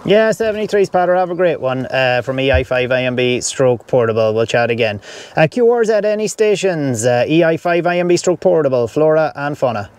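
A man's voice: on the high side, lively intonation, a little fast, darkish tone, slight background noise. A man with an Irish accent, chatting on the air as a ham radio operator from his camper van, upbeat and friendly, spelling out call signs phonetically. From Ireland. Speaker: amateur radio operator on a field activation. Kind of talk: casual on-air radio chat.

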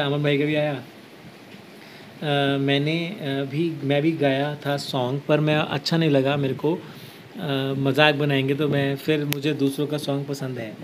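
A man's voice: on the high side, slight background noise. A man from Uttarakhand hosting a casual live stream, reading viewer comments aloud and answering them with easygoing reassurance. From Uttarakhand, India. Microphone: headset.

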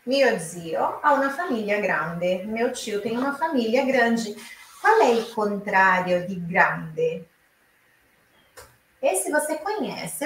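A woman from Brazil teaching an online Italian lesson, explaining slowly and repeating each example aloud. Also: on the high side, fairly bright tone, echoey room, distant mic, a little hiss or hum, low-quality recording.

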